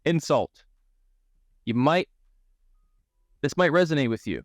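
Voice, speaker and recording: Animated American man co-hosting. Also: on the high side, takes it slowly, dry recording, studio quality. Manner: lively, hyped-up delivery. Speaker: podcast co-host presenting fan card designs. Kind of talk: casual chat.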